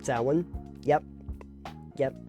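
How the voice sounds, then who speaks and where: A man's voice: medium pitch, slow pace, music in the background. A man co-hosting a casual podcast chat, playful and rambling, often laughing and filling gaps with "uh". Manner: playful, giggly, rambling with many fillers. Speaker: podcast co-host.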